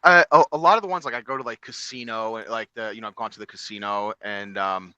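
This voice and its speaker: Bright-voiced rambling man. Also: on the low side, quick pace, clear, resonant tone, dry recording, highs cut off. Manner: rambling storyteller, many fillers and restarts. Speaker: podcast co-host. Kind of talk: casual chat.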